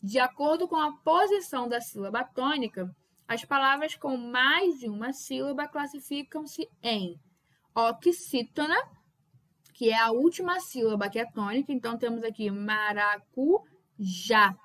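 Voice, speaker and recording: A young adult woman with a bright, high voice gives a whiteboard lesson in Portuguese grammar. She checks in with her students often and calls out example words loudly to show where the stress falls. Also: lively intonation, normal speed. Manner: explains patiently with frequent check-ins. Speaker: Portuguese teacher.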